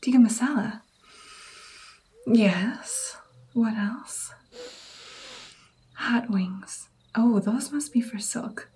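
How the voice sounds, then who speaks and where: A woman playing a gentle vampire mentor in an ASMR roleplay, soft, breathy and mostly whispered, coaxing and encouraging her pupil with pauses. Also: a little high. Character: gentle female vampire patiently training her new darkling. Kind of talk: ASMR personal attention roleplay.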